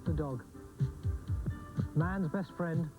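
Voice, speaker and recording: An actor playing an earnest, deadpan nature documentary narrator in a sketch comedy. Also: male voice, a little high, extremely slow. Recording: narration over loud music.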